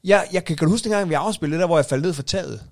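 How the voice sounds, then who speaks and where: A man co-hosting a podcast, chatting casually and telling a comic story with rising excitement. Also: a little high. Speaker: podcast co-host.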